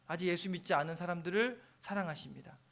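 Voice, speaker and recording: A man's voice: sits high, fast, a bit bright. A male pastor preaching a sermon in a church, acting out quoted prayers and sometimes dropping to a near whisper. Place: church sanctuary.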